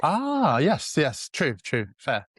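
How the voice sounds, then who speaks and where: A man's voice: on the high side, huge pitch swings, slow, slightly rough, no echo, clean studio sound. A man with a Geordie accent hosting a podcast, chatting playfully and teasing his co-host. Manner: playful, teasing, mock-old-fashioned wording. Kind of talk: casual chat.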